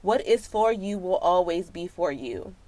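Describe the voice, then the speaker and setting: With a lowish, mellow, animated voice and an unhurried pace, an American woman vlogger recounts a personal story and hands out advice. She talks right to her audience in an emphatic, slangy, sisterly manner, and the recording has no room sound.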